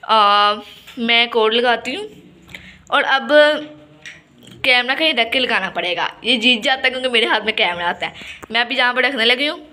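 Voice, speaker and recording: Playful high-voiced woman vlogger. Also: moderate pace, pushed and bright. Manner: playful, teasing. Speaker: vlogger playing a game with her child. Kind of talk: casual family vlog commentary.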